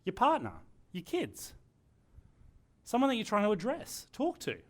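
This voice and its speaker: A man presenting a live workshop lesson to a room, talking in an energetic, joking way. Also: sits high, unhurried.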